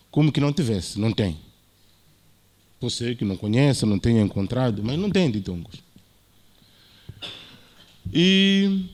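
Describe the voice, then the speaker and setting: A man's voice: mid-range voice, a little mellow. A man with a Mozambican Portuguese accent, a university lecturer giving an academic talk and explaining points with frequent tag questions.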